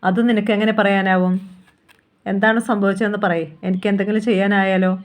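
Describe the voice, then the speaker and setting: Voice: mid-range voice, flat delivery, a little fast, natural voice. Audiobook figure: teasing, caring young woman friend, coaxing questions; read by the narrator in a near-natural voice. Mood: playful.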